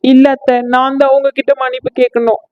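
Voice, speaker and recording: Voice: high voice, little pitch movement, brisk, narrow, tinny audio, natural voice. A performer voicing a distraught, hot-tempered young daughter-in-law in a cartoon family comedy. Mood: apologetic. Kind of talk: exaggerated cartoon comedy voice acting.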